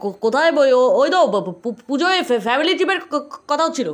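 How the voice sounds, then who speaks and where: A woman's voice: high-pitched, big pitch swings, racing, fairly bright tone. A woman playing a flustered, stammering grown child who bickers with a sibling and teases the mother in a comedy sketch.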